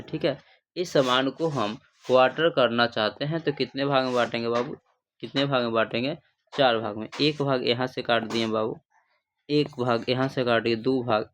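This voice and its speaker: A man's voice: medium pitch, fairly bright tone, slight background noise. A male math teacher. He gives a livestream classroom lesson in call-and-response style, asking questions, repeating the answers and calling his students "babu".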